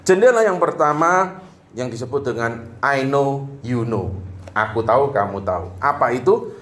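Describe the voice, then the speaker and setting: A man's voice: medium pitch, lively intonation, moderate pace, a bit bright. A man preaching a sermon in a casual, joking, conversational way. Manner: jokey, conversational, acts out little dialogues. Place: church hall. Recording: echoey room, faint background noise.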